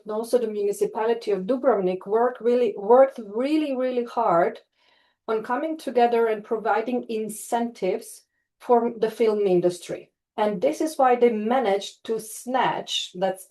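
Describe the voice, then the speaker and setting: Over a video call, an Istrian woman from Croatia delivers a webinar talk on her tourism research, often pausing with fillers and restarts. Her voice is mellow and medium in pitch.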